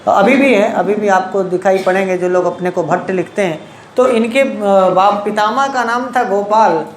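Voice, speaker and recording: Unhurried woman teaching in an echoey room. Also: mid-range voice, slight background noise. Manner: unhurried, repeats key terms, asks rhetorical questions. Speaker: Sanskrit literature teacher. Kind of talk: explanatory lecture. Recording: echoey room with faint ambience.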